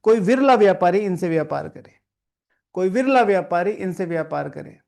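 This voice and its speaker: High-pitched and animated, with vocal fry and a slightly mellow quality, this man talks at normal speed while leading a spiritual class. In a meditation hall with a live audience, he reads and explains the lesson to a seated class, scolding, repeating lines, questioning the room, and frequently tossing in "theek hai."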